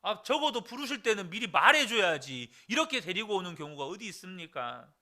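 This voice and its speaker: A man voicing an indignant man who protests loudly to God in a retold folk tale. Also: high voice, very animated, fairly quick, heavily acted.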